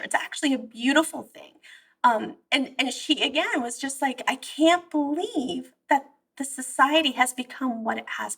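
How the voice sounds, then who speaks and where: A woman with a high, husky voice that has some gravel in it, speaking earnestly as an interview guest. She is emphatic and often restarts her sentences. She sounds a little distant from the mic. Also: a bit bright. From born in Iran, raised in the San Francisco Bay Area. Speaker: guest therapist. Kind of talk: conversational interview.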